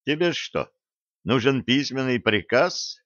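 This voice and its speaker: A man voicing a stern, grief-stricken male battalion commissar with clipped, hoarse military speech in an audiobook character reading. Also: medium pitch, animated, takes it slowly, a bit bright, no room sound, lo-fi sound, pitched above the performer's own voice.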